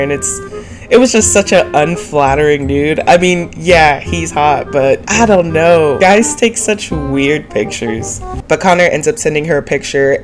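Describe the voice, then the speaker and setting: A woman speaks in a low, nasal, congested voice, sounding sick with a cold. She hosts a casual recap with informal, opinionated commentary, over faint background music. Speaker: host of a reality TV recap show.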